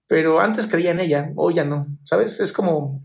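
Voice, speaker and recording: Hosting a live chat, a man whose voice runs slightly higher than the typical male voice takes viewer questions one at a time and offers emotional advice. He's frank and direct yet affectionate, addressing listeners as "my love," and speaks at a normal speed with some vocal fry.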